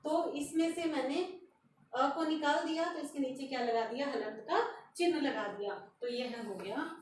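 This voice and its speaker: A woman teaching a grammar lesson at a board, slowly repeating terms and asking questions that she answers herself. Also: sits high. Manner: slow, repeats terms and asks questions then answers them. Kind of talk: classroom-style lesson at a board. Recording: echoey room, voice from a distance, faint noise.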